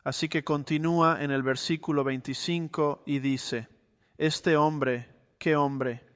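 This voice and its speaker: A man's voice: fairly high pitch, fairly even intonation, takes it slowly, a bit bright, smooth, no room sound, lo-fi sound. A man preaching a sermon, explaining Bible passages and reading verses aloud.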